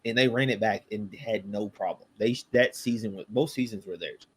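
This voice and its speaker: A man's voice: lowish voice, moderate pace, a little hiss or hum. A young man with a Southern US accent hosting a casual podcast, talking sports with emphatic, profane remarks and stammered restarts. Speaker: podcast host. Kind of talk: casual chat.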